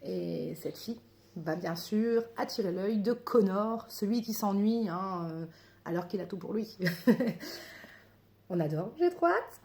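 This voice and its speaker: A woman with a French accent chatting excitedly about books as she unboxes them, laughing often and reading the blurbs aloud. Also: mid-range voice, takes it slowly, pauses often, a little hiss or hum. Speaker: book vlogger. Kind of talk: casual unboxing chat.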